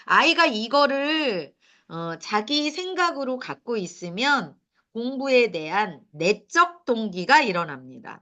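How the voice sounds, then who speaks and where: A woman's voice: medium pitch, bright, forceful tone. A middle-aged woman giving a lecture to mothers, asking the audience questions and laughing at her own points. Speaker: lecturer for parents.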